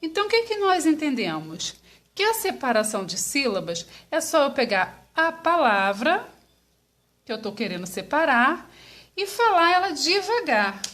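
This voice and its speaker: A woman teacher with a Brazilian Portuguese accent, giving a slow lesson to young children and sounding out each syllable patiently. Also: high-pitched, big pitch swings, a bit bright.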